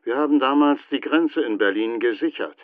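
A man's voice: mid-range voice, moderate pace, no room sound. A man giving brief, reluctant answers in a phone interview. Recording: tinny phone line.

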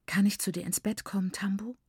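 A woman's voice: medium pitch, moderate pace, a little mellow, no echo, studio quality, close to an everyday voice. A woman voicing a desperate, starving teenage girl who swings between bitter whispers and fury, in an audiobook. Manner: whispers, hisses, then screams in fury.

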